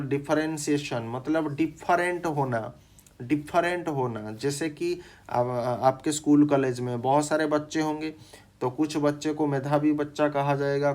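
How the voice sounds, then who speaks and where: Man, teacher, slow deliberate lecture, somewhat high voice, repeats key terms. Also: a little mellow. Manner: explains in mixed Hindi and English, repeats key terms, adds frequent check-ins; reads English definitions slowly, then rephrases them in Hindi. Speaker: pharmacy teacher. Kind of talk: classroom lecture.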